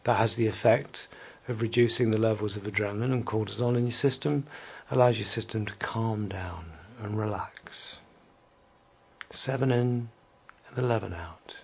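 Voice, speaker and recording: Low-voiced man guiding a relaxation. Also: fairly even intonation, creaky, husky. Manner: slow, soothing, drifting into soft whispers. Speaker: relaxation guide. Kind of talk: guided relaxation.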